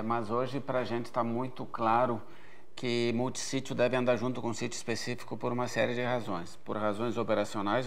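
Gravelly and mid-range, this man's voice belongs to a Brazilian agronomy researcher in his forties answering viewer questions at an event stage. It's expert Q&A, delivered carefully and explanatorily with plenty of hesitation fillers.

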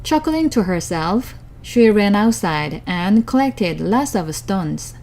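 A woman's voice: medium pitch, animated, takes it slowly, a little mellow. A woman reading a children's storybook aloud, translating each line. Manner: reads each English line, then translates it into Korean. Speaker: storybook reader and English tutor.

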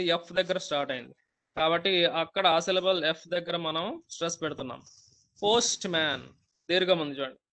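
A male English teacher, giving a lecture on word stress, saying example words loudly and slowly, then explaining them briskly. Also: high voice, clear, resonant tone.

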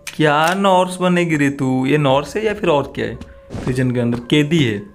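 A man's voice: a little high, lively intonation, normal speed, faint music behind. A young man giving crude, jokey horror game commentary, swearing often and muttering nervously. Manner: jumpy, frightened mutters. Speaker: gaming channel host.

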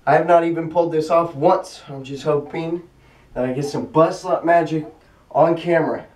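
A man's voice: a little high, steady tone, moderate pace, a little mellow. Young man vlogging, roomy and distant. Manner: frustrated, swearing, talking to himself while attempting a trick. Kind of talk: casual vlog commentary. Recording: roomy, distant camera sound.

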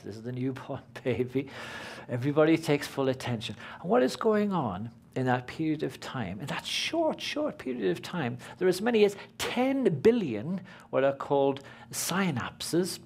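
A British man giving a live workshop talk as a spiritual teacher, speaking slowly and emphatically and often dropping to a whisper. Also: mid-range voice, darkish tone, husky.

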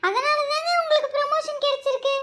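A woman's voice: very high-pitched, little pitch movement, fast talker, sharp tone, slight background noise. A woman playing a jealous, scolding wife who cries out and laments dramatically in a comedy skit. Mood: wheedling. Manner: dramatic lamenting, crying out to God. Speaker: comic actor in a skit.

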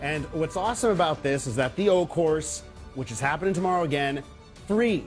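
A man's voice: fairly high pitch, expressive, a little fast, faint music behind. A man in his thirties hosting a casual live morning TV interview in a studio. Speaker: morning TV host.

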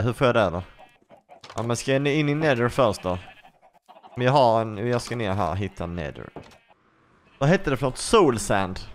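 A man talks his way through a game in excitable let's play commentary. He asks one question after another, drops the odd curse, and his mid-pitched voice swings up and down. A faint noise sits under the recording. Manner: excitable, full of questions, swears freely. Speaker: gaming YouTuber.

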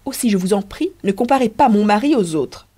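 A proud society wife with a lofty, emphatic way of speaking, read by a woman. The voice is dark and mellow. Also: medium pitch, lively intonation, brisk, pitched above the performer's own voice, lightly acted.

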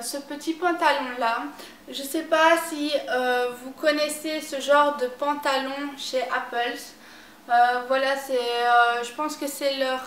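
A young woman, chatting casually about a shopping haul as a beauty vlogger, hesitant and pausing often with filler sounds. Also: sits high, fairly bright tone, slight background noise. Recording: echoey room.

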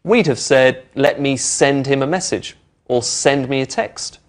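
A middle-aged man presenting a lesson in a studio, explaining patiently and clearly. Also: medium pitch, measured pace. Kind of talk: friendly teaching explanation. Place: indoor studio with brick walls.

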